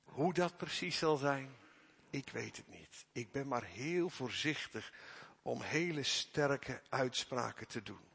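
A man preaching a sermon, swinging from quiet, intimate passages to loud, fervent emphasis. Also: mid-range voice, lively intonation, slow pace, gravelly, husky. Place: church. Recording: long church reverb.

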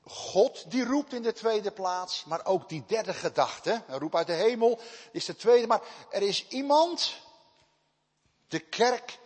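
A male pastor preaching a sermon, swinging between emphatic loud cries and soft, quiet asides. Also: sits high, lively intonation, takes it slowly, slightly rough. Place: church. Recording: long church reverb.

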